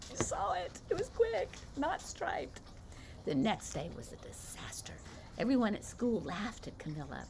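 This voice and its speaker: An older woman, a grandmother, reads a picture book aloud and chats about the pictures between pages, her voice on the high side, unhurried and creaky. She tells the story warmly and in a lively way, commenting on the illustrations. The background is noisy.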